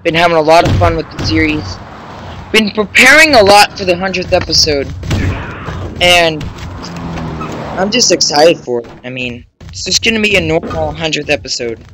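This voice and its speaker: A young man with a high, bright voice commentates a video game in a loose, excitable way. He jokes around and talks to his horse in the game as if it were a friend. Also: moderate pace, slight background noise, poor audio. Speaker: gaming channel host. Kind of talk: casual let's play commentary.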